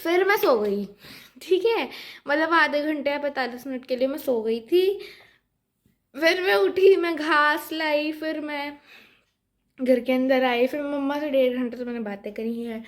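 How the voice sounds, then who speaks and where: Chatty high-voiced teenage girl vlogger. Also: a little slow. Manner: chatty, rambling, mixes Hindi and English. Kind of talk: casual vlog chat.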